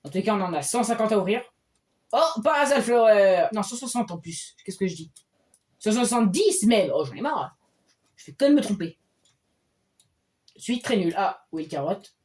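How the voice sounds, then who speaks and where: Excitable man cheering over a game. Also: high voice, moderate pace, pauses often. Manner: excitable, bursts into loud cheers. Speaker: game streamer. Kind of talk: casual gameplay commentary.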